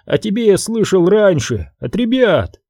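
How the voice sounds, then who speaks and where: A male reader puts on a chatty young medic in a hardboiled audiobook, his voice lifted high and bouncing with eagerness. He talks fast and friendly, in a dry, close studio sound. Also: big pitch swings, no echo, heavily acted. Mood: cheerful. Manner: bright, eager, talkative.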